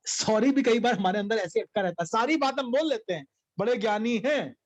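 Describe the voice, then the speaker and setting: A man's voice: sits high, expressive, fairly quick. A middle-aged man preaching a Bible study sermon, telling stories in Hindi and slipping into English phrases.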